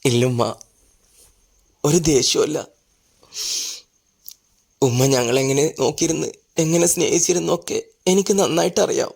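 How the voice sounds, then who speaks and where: A man playing a gravelly-voiced gentle son. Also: fairly high pitch. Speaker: grown son. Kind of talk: Malayalam family drama acting.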